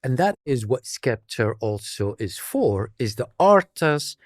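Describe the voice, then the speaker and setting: Brief: male panelist, slow and halting, lively pitch, dry close sound. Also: no echo. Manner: halting, with many fillers and repeated words. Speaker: debate panelist, artist. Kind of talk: panel debate.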